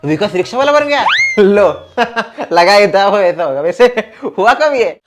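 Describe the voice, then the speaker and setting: A man playing a loud, joking middle-aged father who likes a drink, in a comedy sketch. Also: high-pitched, big pitch swings, unhurried, soft background music. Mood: amused. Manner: loud, joking, blustery, shouts at times.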